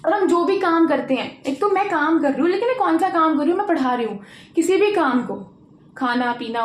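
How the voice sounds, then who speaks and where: Casting: female teacher, high voice, drills students with repeated call-and-response questions, echoey room. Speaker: English teacher. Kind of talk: classroom-style spoken lesson. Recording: echoey room with faint noise.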